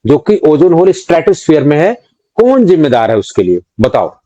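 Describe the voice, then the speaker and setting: An Indian-accented teacher runs a live online quiz class for exam prep, reading out student names and answers, teasingly scolding, and slipping in English terms. He sounds sing-song, warm and a little fast at a high-ish pitch, in a dry recording of poor quality.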